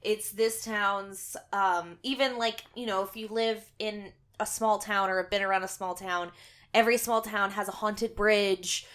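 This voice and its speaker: A young woman talks through a horror movie on a podcast in a loose, rambling way, with lots of 'um' and 'like'. Her pitch sits in the middle, and her tone is relaxed and conversational. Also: a little slow. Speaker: podcast co-host. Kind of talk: casual film review chat.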